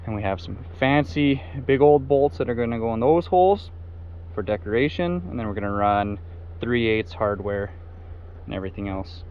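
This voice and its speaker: A man's voice: medium pitch, expressive, moderate pace, smooth, muffled recording. A young man hosting a casual vlog, talking his way through building work on his home in a chatty, explaining way.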